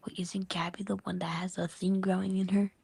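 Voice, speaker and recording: A man's voice: high-pitched, flat delivery, fairly quick, creaky, darkish tone, breathy edge. Whispering man on a stream. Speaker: stream guest. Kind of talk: whispered casual chat.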